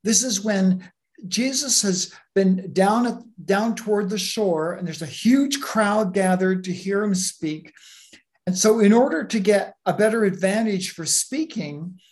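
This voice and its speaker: A Bible teacher giving a conversational sermon, relaxed and full of everyday asides and stories. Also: medium pitch, unhurried. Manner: relaxed, anecdotal, with many asides.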